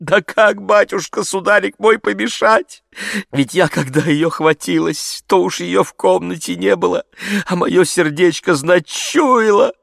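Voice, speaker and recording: A man's voice: high voice, vocal fry, fairly bright tone, no room sound, studio quality, pitched above the performer's own voice, full character voice. A man voicing a tearful, lamenting peasant maid in an audiobook. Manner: lamenting, sobbing.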